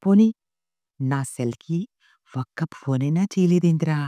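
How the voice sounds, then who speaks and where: A woman's voice: low-pitched, a little slow, dark tone, dry recording. A woman voicing a retired old mother who speaks with care and worry in a storybook reading. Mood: tender. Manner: pleading, caring.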